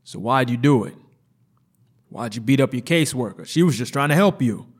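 A man's voice: lowish voice, very animated, unhurried, creaky, bright, forceful tone, breathy edge, heavily acted. Man doing an arrogant, dismissive doctor. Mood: scornful. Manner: curt, scornful. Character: arrogant, dismissive middle-aged male doctor.

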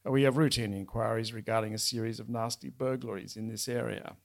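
A man's voice: lowish voice, fairly even intonation, brisk, gravelly. A man voicing a snide, condescending middle-aged police sergeant. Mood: officious. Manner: sneering, condescending.

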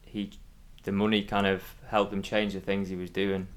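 A man's voice: low-pitched, little pitch movement, normal speed. A man in his thirties with a mild Isle of Man accent, chatting casually as an interview guest and hesitantly thinking aloud. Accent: fairly neutral Manx. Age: 30s. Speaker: podcast guest, former athlete.

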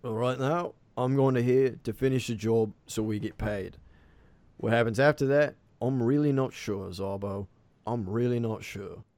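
A man voicing a grumbling, frustrated male captain in a tabletop game, gruff and curt. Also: mid-range voice, moderate pace, a little mellow, no room sound, lightly acted. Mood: weary.

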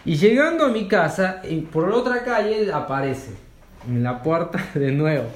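Guy leading a church class, tells stories, lots of "no?" and fillers, kinda higher voice, echoey. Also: animated, normal speed. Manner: storytelling, with frequent fillers and rhetorical questions. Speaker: church cell group leader teaching a course. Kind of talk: conversational Bible lesson with personal stories. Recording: roomy echo.

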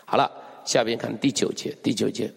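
A man's voice: mid-range voice, steady tone, a little fast, creaky, breathy edge, long reverb tail. A male pastor preaching a sermon, emphatic and full of rhetorical questions to the congregation. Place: church hall.

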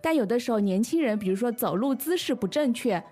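Female language podcast co-host; slightly high, calm, explanatory. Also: fast talker. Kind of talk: language lesson.

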